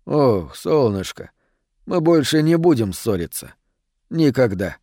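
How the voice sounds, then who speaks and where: A man reading an audiobook, voicing a tender, quietly desperate father in a lowered, soft voice. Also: sing-song, measured pace, no room sound, clean studio sound.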